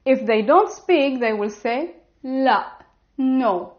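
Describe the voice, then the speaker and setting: A woman whose first language is Arabic, giving a beginner language lesson and repeating words slowly and carefully. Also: sits high, lively intonation, a little mellow, dull audio. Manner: slow, careful repetition of words. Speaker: Levantine Arabic teacher.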